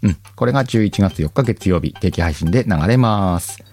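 A man hosting a casual solo radio-style talk show reads out listener letters in a fairly low, expressive, slightly mellow voice at normal speed. He's chatty, pokes fun at himself and uses lots of fillers, with music faintly audible behind him.

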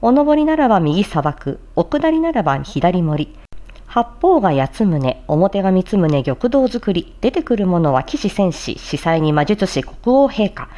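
A female voice performer presents a practice show, speaking a little slowly in a mellow, sing-song voice of fairly low pitch, with the highs cut off in the audio. She casually explains recitation and performs formal script passages, demonstrating tricky phrases with a focus on articulation.

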